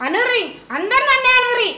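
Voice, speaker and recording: Woman as bickering Telangana village mom, very high and rapid, sharp tongue. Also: heavy background noise. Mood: quarrelsome. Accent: Telangana Telugu. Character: defensive village mother, quarrelsome wife. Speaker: mother. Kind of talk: village family drama acting. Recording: echoey room with background music.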